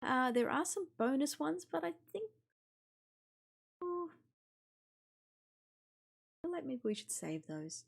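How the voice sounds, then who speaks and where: Speaking slowly with long pauses, this woman has a high, gravelly voice that swings widely in pitch. She's streaming a visual novel, voicing its text expressively and adding offhand comments, while game music runs underneath.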